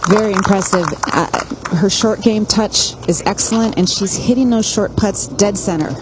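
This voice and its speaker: A woman's voice: medium pitch, moderate pace. A woman working as a golf commentator, giving conversational analysis of the play. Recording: clear outdoor background noise.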